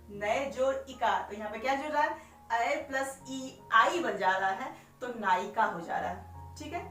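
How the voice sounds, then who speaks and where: Woman teacher explaining stuff slowly, kinda high voice, sounds far from the mic, faint music behind. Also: a bit bright, reverberant. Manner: repeats each step with rhetorical questions; stretches out sounds while spelling them. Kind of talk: classroom-style explanation.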